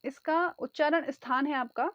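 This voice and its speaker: High-voiced woman teaching exam prep. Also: moderate pace, a bit bright, no echo, dull audio. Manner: addresses viewers as friends, repeats key answers. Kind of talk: online exam-prep lesson.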